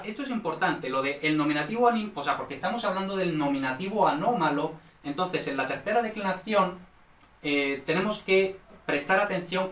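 Male teacher, bright tone, roomy echo from a distance, explanatory lesson delivery. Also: sits high. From Spain. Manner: explanatory, frequent checks with "¿vale?" and "¿no?". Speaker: Latin teacher. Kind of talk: recorded online lesson.

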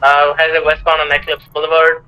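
A man playing a police officer, giving rapid, clipped turn-by-turn calls during a car chase over a walkie talkie. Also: a little high, completely flat delivery, clean tone, dull audio.

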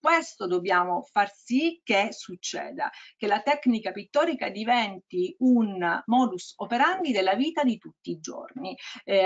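A woman presenting art techniques to teachers in a training session, talking quickly and explaining with frequent hesitations. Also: a little high, a bit bright. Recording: slightly dull lo-fi audio.

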